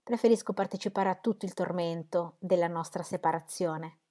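A woman reading aloud, voicing a gentle, sincere young woman with a clear, sweet voice who speaks softly and pleads. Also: lowish voice, a little fast, natural voice. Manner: soft, pleading.

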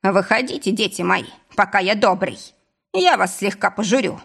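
A woman reading a menacing male boss who threatens in a husky voice, mock-sweet at times. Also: mid-range voice, normal speed, fairly bright tone. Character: menacing middle-aged male boss, villain.

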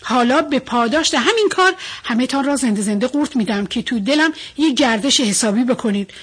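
A woman's voice: high-pitched, animated, breathy edge. A woman voicing a cunning, cruel male pelican who mocks his captured prey in a storybook reading. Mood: gloating. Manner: mocking, gloating.

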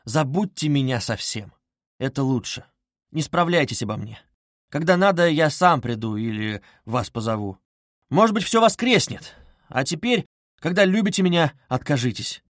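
A man's voice: fairly high pitch, lively intonation, dry recording, studio quality, natural voice. A man reading as a brooding, troubled young man. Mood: grim resolve. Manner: muted, halting, grim.

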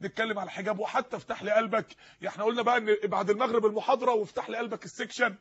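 Egyptian arabic preacher guy, high husky voice, rapid fire sermon, dull lo-fi radio sound. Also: fairly even intonation, fairly bright tone. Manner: fervent, pleading, repeated rhetorical questions. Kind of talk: impassioned sermon.

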